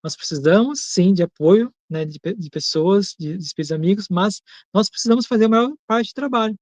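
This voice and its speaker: Measured man reflecting, dry close sound. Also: sits high, lively intonation, no echo. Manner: measured and thoughtful, repeats and restates his points. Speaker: co-host of a Spiritist program. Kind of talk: reflective teaching talk.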